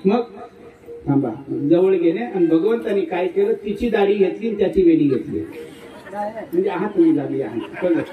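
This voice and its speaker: Playful high-voiced male preacher, distant and echoey. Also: normal speed, some chatter behind, slight background noise. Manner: animated, playful, teases the audience. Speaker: kirtan preacher. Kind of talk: humorous devotional storytelling sermon. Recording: distant, roomy and dull.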